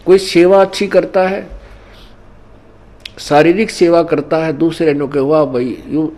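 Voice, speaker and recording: Preacher with a mellow, raised voice. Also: male voice, on the high side, a little slow. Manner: didactic, mixing in scripture couplets and parables. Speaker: spiritual teacher. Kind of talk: Hindi sermon. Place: ashram gathering.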